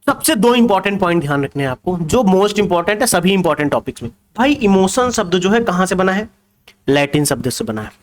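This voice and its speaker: A young male teacher leads an online exam revision class with a fairly high voice. He teases his students, keeps asking whether they understand, and slips English terms into his explanations. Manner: lively, teasing, mixes Hindi with English terms, asks students questions. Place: indoors with a laptop.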